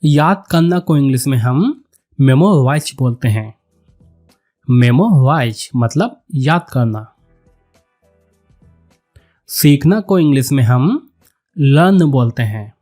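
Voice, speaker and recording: Slow, deliberate male vocabulary teacher. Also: mid-range voice, lively intonation, warm tone, faint music behind. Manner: repeats each word slowly and deliberately. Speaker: English teacher.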